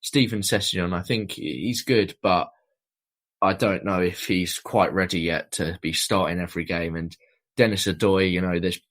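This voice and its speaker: Man, podcast panelist, very deep voice, measured, leans on "kind of". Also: fairly even intonation, fairly bright tone. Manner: measured, lots of "I think" and "kind of". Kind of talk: casual fan podcast chat.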